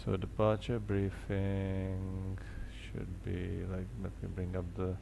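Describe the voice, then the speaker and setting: A man streams a flight simulator, casually talking himself through each step in live commentary on his own gameplay. His voice sits low and creaky, slow and monotone, with background noise in the recording.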